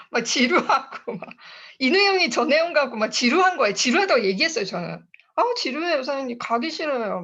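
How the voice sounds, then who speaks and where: Chatty woman with a lively, sing-song voice. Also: fairly high pitch, muffled recording. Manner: chatty, laughs often, addresses listeners as bosses. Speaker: guest speaker at a sales team meeting. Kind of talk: motivational talk with personal storytelling. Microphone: online video call.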